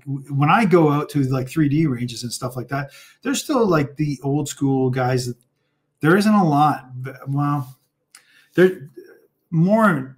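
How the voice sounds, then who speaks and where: A man hosting an interview show, chatting enthusiastically and casually, with lots of fillers and restarts. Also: a little high. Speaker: podcast host.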